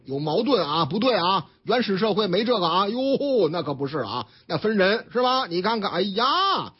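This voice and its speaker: A man's voice: high voice, normal speed, breathy edge, faint music behind. A man with a Beijing accent hosting a chatty radio newspaper commentary show, retelling stories and acting out the people in them. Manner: lively storytelling, acts out quoted characters with voice changes. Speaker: radio news commentary host. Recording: dull lo-fi radio broadcast.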